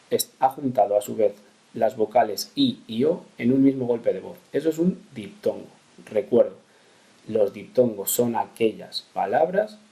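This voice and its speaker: A man's voice: medium pitch, vocal fry, mellow. A man from teaching a grammar lesson to young schoolchildren, patiently repeating each rule and giving examples. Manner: patient, repeats key rules. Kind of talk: explanatory lesson narration.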